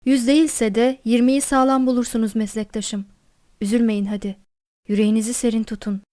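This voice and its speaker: A woman's voice: on the high side, level tone, fairly quick, dark tone, natural voice. Woman doing a bored, patronizing doctor. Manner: drawling, patronizing. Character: bored, yawning male doctor, condescending.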